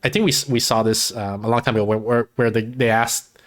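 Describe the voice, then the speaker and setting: A male streamer chatting casually with a co-host. He rambles, restarts his sentences and leans on fillers. His pitch sits in the middle range. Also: fairly even intonation, fairly quick, fairly bright tone. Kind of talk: casual chat.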